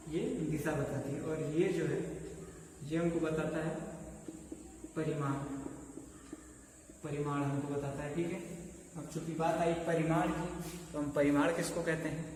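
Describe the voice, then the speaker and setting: A man's voice: on the high side, fairly even intonation, measured pace, pauses often, a little mellow. A male maths teacher giving a conversational lecture at a board, checking in with his students often. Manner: conversational, keeps checking in with "okay". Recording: echoey room, mic far off, faint noise.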